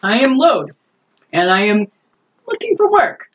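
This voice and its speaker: Lively woman player, lo-fi recording. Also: a little high, unhurried. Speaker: tabletop game player. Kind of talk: casual, jokey in-character game chat. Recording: dull lo-fi, faint noise, clicks.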